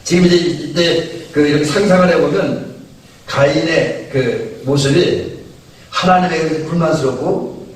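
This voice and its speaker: A man preaching an evening sermon in a slightly high voice, talking in a plain conversational way with many fillers and restarts. He is picked up from some distance in a very echoey church hall. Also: measured pace. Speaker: pastor. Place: church sanctuary.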